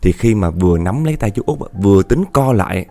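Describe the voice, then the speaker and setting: A man telling a ghost story, animated, repeating words for effect and speaking straight to his listeners. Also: fairly low pitch, quick pace, vocal fry, soft background music. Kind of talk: spoken ghost story narration.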